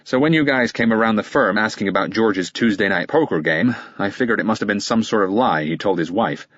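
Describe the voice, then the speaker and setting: For an audiobook, a man voices a guarded, defensive middle-aged lawyer who answers in short, impatient bursts, pitching him a little higher than the reader's own voice and keeping him husky. The delivery is brisk and a bit bright. The sound is dry and slightly muffled, with no echo.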